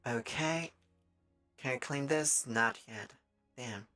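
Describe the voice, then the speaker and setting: A live streamer with a raspy, dry-throated, mid-range voice chats casually while gaming and offers art advice. The tone is bright and forceful, but the delivery halts, with frequent self-interruptions and thoughts trailing off. Soft music plays in the background.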